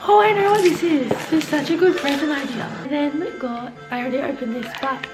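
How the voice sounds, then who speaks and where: Early-20s woman vlogger, gushing and hoarse, high-pitched, over background music. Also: a little fast. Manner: chatty, gushing. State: losing her voice, hoarse. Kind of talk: casual vlog chat.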